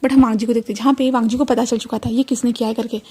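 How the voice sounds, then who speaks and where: Brief: woman storyteller, casual retelling, slightly high, mellow voice. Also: level tone, very fast, husky. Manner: conversational, with frequent fillers. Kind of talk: casual fan fiction retelling.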